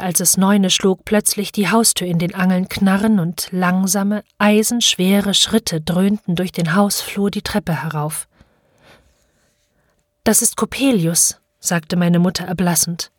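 A woman narrating an audiobook of classic literature with measured, dramatic storytelling. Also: medium pitch, darkish tone, dry recording, clean studio sound.

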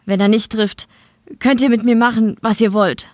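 A woman's voice: fairly high pitch, fairly even intonation, moderate pace, dry recording, pitched above the performer's own voice, natural voice. A woman voicing a cocky young male gambler in trouble, with a brash, defiant manner.

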